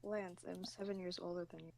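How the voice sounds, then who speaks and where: A woman reading the part of a gentle, sheepish older-brother type man in an amateur fan fiction reading, speaking softly. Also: on the low side, little pitch movement, fairly quick, vocal fry. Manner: soft, sheepish delivery.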